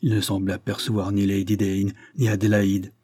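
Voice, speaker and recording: Husky low-voiced male audiobook narrator. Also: completely flat delivery, moderate pace, mellow, no room sound, clean studio sound. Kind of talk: audiobook reading of a Victorian novel.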